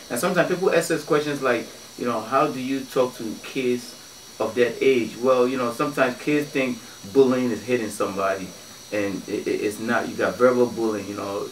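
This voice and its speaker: A man from Ghana, a guest on a radio show, telling stories in a relaxed way with many fillers and restarts. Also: lowish voice, reverberant, far from the mic, a little hiss or hum, low-quality recording. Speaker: guest, community organizer. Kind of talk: casual radio interview. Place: radio studio.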